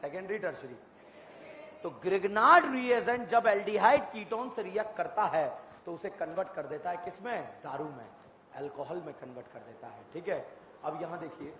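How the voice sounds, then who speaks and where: A man teaching chemistry in an exam-prep lecture, firing questions at students and repeating each answer back to them, with bursts of shouted emphasis. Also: high-pitched, a little hiss or hum. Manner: quizzing students, repeating answers with call-and-response. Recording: echoey hall, muffled lo-fi sound.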